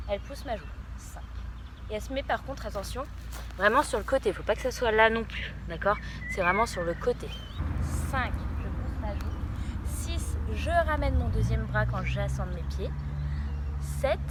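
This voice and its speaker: A woman teaching a dance routine, counting beats aloud and giving short step cues. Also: mid-range voice. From France. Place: dance studio. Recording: loud background noise.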